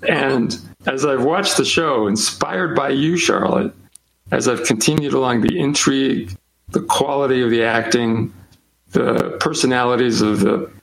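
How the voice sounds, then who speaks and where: Gravelly Southern man chatting. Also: mid-range voice, unhurried, slight background noise, rough recording. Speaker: podcast co-host. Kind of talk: casual chat.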